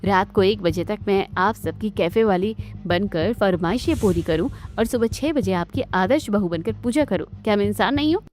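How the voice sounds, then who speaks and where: A woman's voice: mid-range voice, moderate pace, hardly any pauses, darkish tone, faint music behind, lightly acted. Lady doing a tired young bride in a cartoon, worn out and fed up. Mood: weary.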